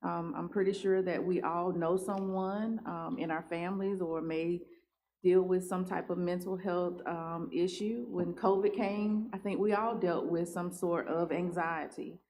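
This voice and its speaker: Soft-spoken thankful councilwoman. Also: fairly low pitch, fairly even intonation, a little slow. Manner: warm, thankful, filler-heavy. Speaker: town councilwoman, mental health clinician. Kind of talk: council member remarks.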